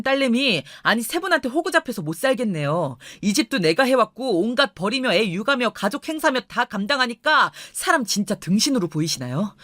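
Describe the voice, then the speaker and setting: A woman voicing an angry young husband who speaks in a lowered, firm, cold tone. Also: a bit bright, no echo, clean studio sound.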